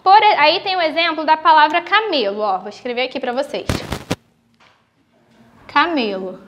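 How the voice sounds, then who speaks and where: A woman with a Brazilian accent teaches a video lesson for young schoolchildren. Her voice sits very high, and she speaks patiently, pausing to stretch out each example word. The recording sounds dull and lo-fi. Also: very animated, background noise. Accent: Brazilian Portuguese. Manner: slow, explanatory, stretches example words.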